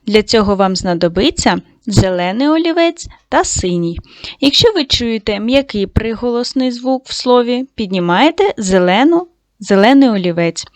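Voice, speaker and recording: A woman teaching a lesson to young schoolchildren, giving slow, clearly articulated instructions. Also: on the high side, expressive, no echo. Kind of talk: online lesson for young children.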